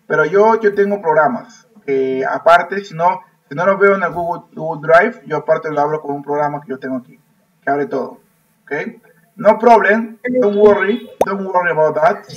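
Male English teacher, patient and repetitive, slightly high voice, muffled distant sound. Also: normal speed. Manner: repetitive, coaxing, laughs often. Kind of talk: online class teaching, mixing Spanish and English. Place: online video class.

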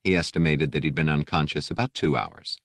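A man with an extremely low, creaky voice narrates an adventure audiobook fairly quickly. The scripted storytelling is recorded close and dry, with no room sound.

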